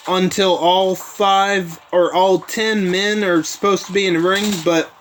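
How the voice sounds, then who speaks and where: A man's voice: high-pitched, steady tone, a little slow, fairly bright tone, a little hiss or hum. A man hosting his own show, recapping events in a rambling casual way with many asides. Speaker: host.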